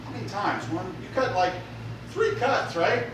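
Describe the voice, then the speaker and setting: A man's voice: high voice, expressive, moderate pace. A man working as a stage magician, giving jokey live show patter as he teases a volunteer and plays to the audience. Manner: jokey showman teasing a volunteer, announcing to the crowd. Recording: echoey theater from far off, noisy.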